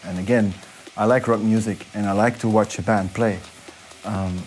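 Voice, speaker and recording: A man, a DJ speaking thoughtfully and at a measured pace in an interview. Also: lowish voice, fairly even intonation, loud music behind the voice. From Belgium. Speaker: DJ and producer, interview guest. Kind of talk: reflective interview talk. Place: nightclub.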